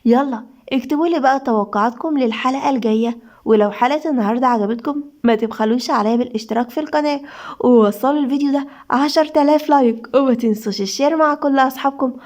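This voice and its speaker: A woman's voice: high-pitched, racing, darkish tone. A woman with an Egyptian accent, a storyteller and channel host, reading a serialized love story with dramatic cues. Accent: Egyptian Arabic. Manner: dramatic, reads out stage cues. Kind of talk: scripted narration of a serialized story.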